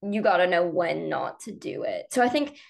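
Young woman podcast cohost, lively pitch, bit of vocal fry, chatty. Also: moderate pace. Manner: chatty, many fillers. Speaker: podcast co-host. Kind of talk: casual debate chat.

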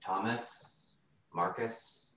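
A man playing in a tabletop game podcast, talking in an unhurried, deliberate way. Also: fairly low pitch. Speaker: player. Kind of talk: casual tabletop podcast chat. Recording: roomy dull mic with faint background noise.

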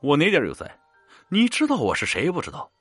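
A man's voice: fairly high pitch, huge pitch swings, brisk, fairly bright tone, husky, no echo, soft background music, full character voice. A man voicing a brash, hot-tempered rich male gambler in a spoken ghost story. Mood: indignant. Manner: brash, indignant.

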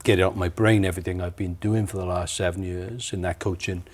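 A man's voice: low-pitched, fairly even intonation, fast. A man with a Welsh accent, hosting a casual conversational podcast and telling chatty stories. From Wales. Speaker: podcast host.

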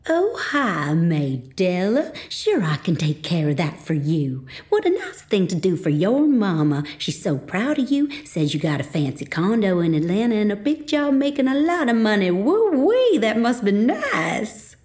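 A woman's voice: medium pitch, sing-song, normal speed, few pauses, darkish tone, lightly acted. A woman voicing a chirpy small-town bank clerk, drawling and gushing in a storybook reading.

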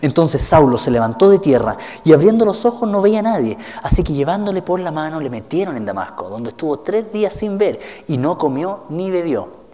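A man's voice: fairly high pitch, sing-song, fairly quick, warm tone. A male pastor giving a teaching sermon, reading scripture aloud and asking the listeners questions. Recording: reverberant hall.

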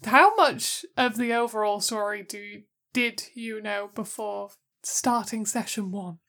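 Slow-talking woman co-hosting a podcast. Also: medium pitch, a bit bright. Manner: quick laughs, short reactions. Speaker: podcast co-host. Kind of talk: casual podcast chat.

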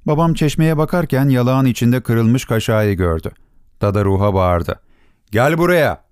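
A man with a mid-range voice narrates a scripted audiobook story in a measured, expressive storytelling style. The recording is clean studio sound with no echo.

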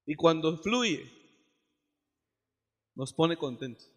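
A man preaching a sermon as pastor, acting out quotes and rising to shouted peaks. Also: a little high, expressive, takes it slowly. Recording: long hall reverb.

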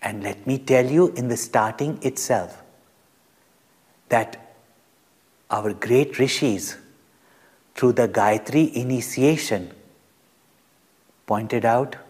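Man, spiritual teacher, guided meditation, very unhurried, husky breathy phrase endings, emphatic pauses, long hall reverb. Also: mid-range voice, a little mellow.

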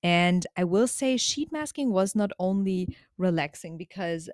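A woman vlogger speaks in a slightly low voice, recorded dry with no room sound. She chats informally to her audience as in a casual monologue, stressing her points with slangy exaggeration. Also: animated, a little slow, no echo. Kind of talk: casual chatty vlog monologue.

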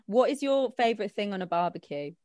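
A nineteen-year-old woman in a relaxed chat, her talk full of fillers and quick laughs. The recording is dry and close, with no room sound. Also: medium pitch, dry recording. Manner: chatty, laughs often, many fillers. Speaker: co-host. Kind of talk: casual chat.

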